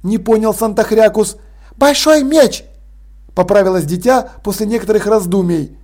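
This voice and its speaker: A man narrating an audiobook in an expressive, lively storytelling manner. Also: sits high, a little fast. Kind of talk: audiobook reading.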